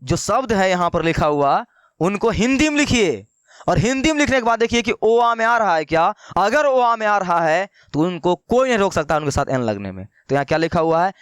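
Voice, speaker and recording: Brief: male tutor, high and smooth voice, dry close sound, asks his own questions and repeats points. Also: expressive, no room sound. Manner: slows down to dictate notes. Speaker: English teacher. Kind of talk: online grammar lesson.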